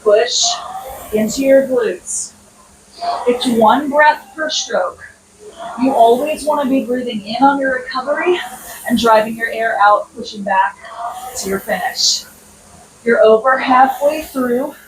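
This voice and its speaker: A woman's voice: a little high, measured pace, pauses often. An American woman instructing a workout while exercising on a rowing machine, mixing explanations with short, encouraging commands. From United States. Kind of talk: coaching a workout with counted cues. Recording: echoey room, distant mic, noisy background.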